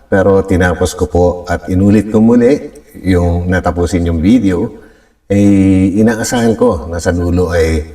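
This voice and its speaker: Deep-voiced man hosting a reaction vlog. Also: moderate pace, warm tone, distant mic. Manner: polite, rambling, many fillers. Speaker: reaction vlogger host. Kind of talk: casual reaction vlog commentary.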